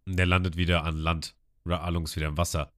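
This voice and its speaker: A man co-hosting a podcast, casually retelling an anime episode with lively storytelling. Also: sits low, fast. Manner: lively storytelling, laughs often. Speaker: podcast co-host.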